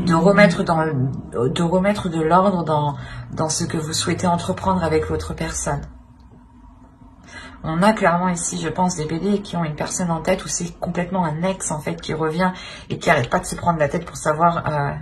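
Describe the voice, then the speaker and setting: With a low voice and a bit of background noise, a woman improvises a tarot reading for viewers of her channel. Her delivery is hesitant, full of repetition and rephrasing as she gropes for what to say.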